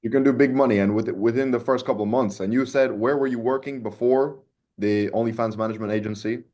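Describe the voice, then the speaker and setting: A man's voice: mid-range voice, fairly even intonation, fast, darkish tone. A man hosting a casual interview, talking in a loose, slangy way and calling his audience boys and lads. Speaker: host.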